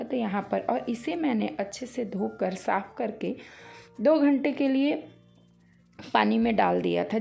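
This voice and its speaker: A middle-aged woman hosts a cooking channel with a strongly gravelly, creaky voice at an ordinary pitch. She explains each step of a recipe in a homely way and speaks straight to her viewers. Faint music plays behind her. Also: darkish tone. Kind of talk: recipe tutorial voice-over.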